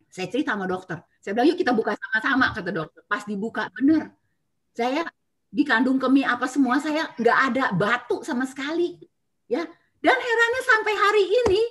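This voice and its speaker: A woman's voice: sits high, fairly quick, husky. A middle-aged woman giving a devotional talk and personal testimony on a video call, telling her stories expressively with frequent filler words. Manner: expressive storyteller, many filler "ya" and "nah". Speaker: church speaker giving a testimony.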